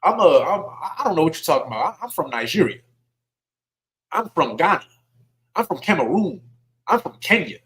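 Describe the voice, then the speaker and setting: A man's voice: fairly high pitch, very animated, normal speed, long pauses, fairly bright tone, low-quality recording. A man giving a sermon in a conversational way, reading scripture and asking his listeners questions in informal speech. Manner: conversational, asks the audience questions; informal speech with dialect words like y'all. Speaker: teacher at a religious service.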